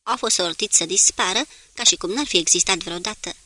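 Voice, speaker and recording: A woman narrating an audiobook in an even, measured reading. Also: mid-range voice. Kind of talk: scripted narration.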